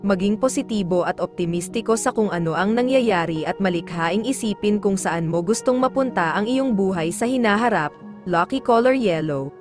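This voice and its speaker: A woman narrating daily horoscopes in a measured, formal reading style. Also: mid-range voice, lively intonation. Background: faint background music.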